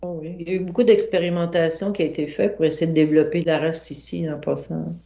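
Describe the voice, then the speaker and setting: A woman's voice: deep voice, fairly even intonation, gravelly, dark tone. A woman, talking in a playful, chatty way in a casual discussion. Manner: playful, chatty, quick to laugh. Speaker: guest. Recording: echoey room, dull lo-fi sound.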